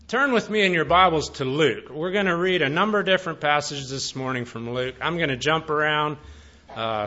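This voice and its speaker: Folksy preacher man, bright voice. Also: on the high side, muffled recording. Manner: folksy, conversational, with many fillers and pauses. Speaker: pastor. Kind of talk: storytelling sermon.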